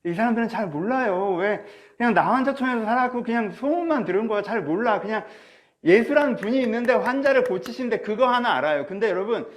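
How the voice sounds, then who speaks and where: A man preaching a sermon as pastor of a church, animated, swinging from soft asides to loud cries. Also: high voice, fast. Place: church or small studio, online service.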